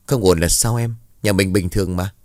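A man voicing a stubborn, quick-tempered husband who snaps back with fast, scornful retorts. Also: sits low, no room sound, studio quality, natural voice.

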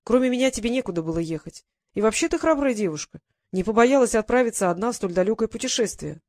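A domineering elderly duchess lays down the rules to her niece in firm, decisive phrases, as a woman reads her part. The voice is dry and close, with no room around it, and the delivery is slow and deliberate. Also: a little high, animated, a little mellow, no echo, lightly acted. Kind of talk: audiobook character reading.

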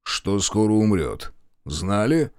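A man's voice: fairly low pitch, very animated, slow, darkish tone, no echo, clean studio sound. A man playing a sly, probing detective. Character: cunning, intimidating male detective.

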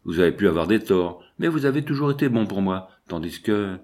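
A man's voice: deep voice, expressive, a little fast, darkish tone. A man reading a starving young woman's lines. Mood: sad.

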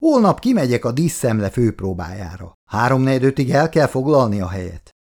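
Man doing a gruff grumpy old father, scolding, irritable, lively pitch.

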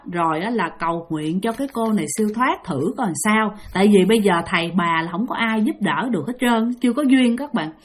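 A woman with a Southern Vietnamese accent hosting a ghost-story show, chatting straight to her listeners and repeating phrases as she tells the tale. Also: mid-range voice.

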